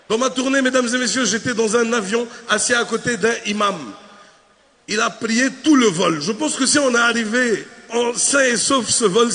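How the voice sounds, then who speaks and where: A man doing a lively stand-up set on a big stage, telling stories and calling out to the crowd. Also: very high voice, slight background noise. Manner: lively storytelling, shouted greetings to the crowd. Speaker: stand-up comedian. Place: large exhibition hall stage.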